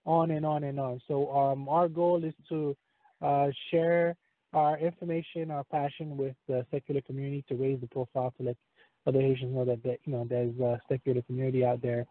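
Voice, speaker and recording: A man's voice: mid-range voice, level tone, fairly quick, no echo. A male podcast host speaks hesitantly, with many fillers and restarts, in a middle-range voice. He sounds tinny and narrow, as if on a phone line. The sound is dry and close. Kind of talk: hosting an interview.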